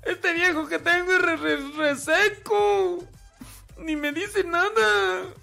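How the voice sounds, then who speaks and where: A man voicing a complaining wife who wants hugs and mocks her husband with a high, drawn-out whine. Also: vocal fry, bright, forceful tone, soft background music, heavily acted. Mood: whiny.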